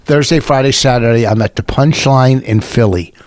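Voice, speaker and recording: A man's voice: mid-range voice, normal speed, no room sound. A male comedian co-hosting a podcast, teasing and insistent, talking over his co-host in casual banter.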